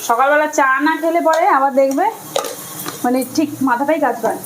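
High-voiced chatty woman cooking at home. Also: a little fast, heavy background noise. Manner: chatty, talks to viewers while cooking. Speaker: cooking vlogger. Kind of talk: casual cooking narration. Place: home kitchen. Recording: kitchen clatter behind voice.

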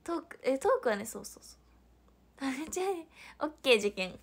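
A young woman with a Hiroshima Japanese accent chats casually on a livestream. Her voice sits a little high, and she reads out viewer comments and laughs often. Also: very animated, fairly quick. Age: young adult. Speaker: idol livestreamer.

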